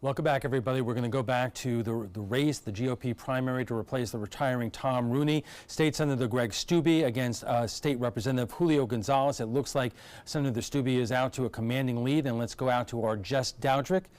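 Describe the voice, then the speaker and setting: A man's voice: mid-range voice, fairly quick, a little mellow, smooth. Man anchoring live election night news.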